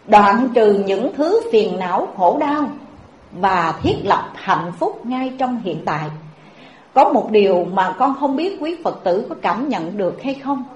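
A woman's voice: a little high, slight background noise. A woman with a Southern Vietnamese accent giving a Buddhist sermon, telling stories and speaking straight to her listeners. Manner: animated, addresses the audience directly. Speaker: Buddhist preacher. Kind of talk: sermon with storytelling. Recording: dull echoey recording.

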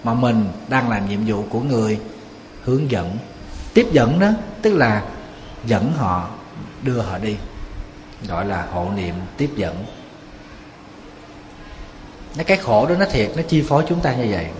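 A man's voice: on the low side, lively intonation, moderate pace, darkish tone, a little hiss or hum. A man, a Buddhist monk giving a sermon, talking conversationally and putting rhetorical questions to his listeners. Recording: echoey hall with long reverb, faint ambience.

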